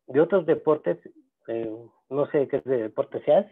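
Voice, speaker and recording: A man teaching a seminar, talking in a halting way with many fillers and restarts. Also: medium pitch. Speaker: seminar instructor. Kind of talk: lecturing at a seminar. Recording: gravelly voice on a tinny phone-like line.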